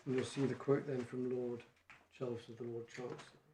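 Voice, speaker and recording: A barrister making a measured legal argument in court, reading quoted passages from judgments. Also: male voice, mid-range voice, level tone. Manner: measured, reads quotations from case law. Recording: echoey courtroom, faint noise.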